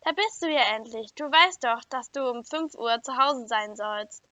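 A woman's voice: on the high side, expressive, moderate pace, bright, forceful tone, no echo. A woman voicing a stern, nagging mother in a read-aloud story, scolding and insistent. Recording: dull lo-fi dry recording.

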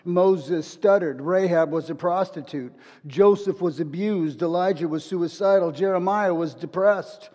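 A man's voice: high-pitched, measured pace, few pauses, darkish tone. Earnest male pastor preaching in a hall. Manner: earnest, repeats words as he restarts. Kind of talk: sermon.

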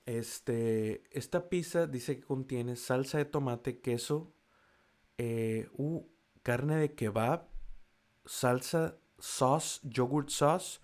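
Drawing out his words in a darkish, medium-pitched voice, a Mexican-accented vlogger reads a list in casual chat. He speaks slangy, profane Spanish and stumbles on the foreign food names.

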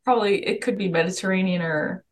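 A young woman co-host talks loosely and rambles, dotting her sentences with "like." Her voice sits at an ordinary middle pitch, and the conversation is relaxed and friendly. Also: fast talker. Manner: chatty, rambling, full of "like" and laughs. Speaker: podcast co-host. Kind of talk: casual chat.

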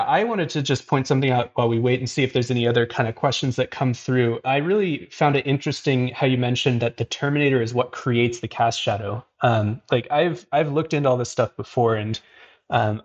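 The recording is muffled as a man with a medium-pitched voice, talking a little fast, hosts an art livestream. He's casual and keeps restarting, sprinkling in plenty of "like" and "um."

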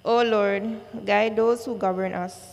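A woman leading a church service, reciting the liturgy in a slow, measured way, her voice carrying a cathedral echo. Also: mid-range voice, steady tone, gravelly. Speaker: worship leader. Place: large church. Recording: long church reverb, faint noise.

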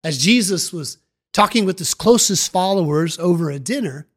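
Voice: medium pitch, expressive, moderate pace, breathy edge. A podcast Bible teacher narrating a scripted Bible story and earnestly guiding listeners on what to listen for.

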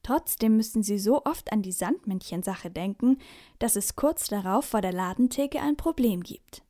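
A woman narrating a children's bedtime story in a clear storytelling manner. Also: mid-range voice, expressive, moderate pace, dark tone.

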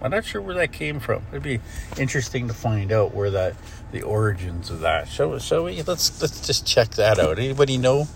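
A man's voice: mid-range voice, big pitch swings, a little fast, creaky, a little hiss or hum. A middle-aged man ranting in a solo monologue, angry, swearing constantly and getting worked up. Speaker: solo commentator.

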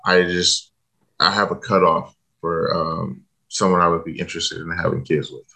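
Man, very deep voice, bright edge, hesitant podcast chat full of fillers. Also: flat delivery, moderate pace, creaky. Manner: hesitant with many fillers and apologies. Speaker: podcast co-host. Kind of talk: casual chat.

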